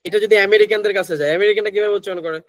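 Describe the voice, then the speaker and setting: A man's voice: high-pitched, steady tone, rapid-fire, dry recording, poor audio. Bangladeshi man teaching English pronunciation. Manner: mixes Bengali with English phrases, asks the class questions. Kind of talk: online class lecture.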